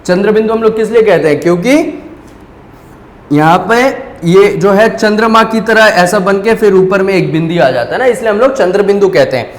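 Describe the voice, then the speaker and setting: High-voiced male teacher in an echoey room. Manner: asks questions then answers them himself; patient, repeats key words slowly. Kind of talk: classroom-style lesson. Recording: echoey room with long reverb.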